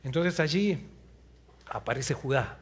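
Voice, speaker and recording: Pastor guy preaching in church, pretty high voice for a man, earnest storyteller. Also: expressive, takes it slowly. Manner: earnest storytelling, often drops to a low, quiet voice. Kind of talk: sermon.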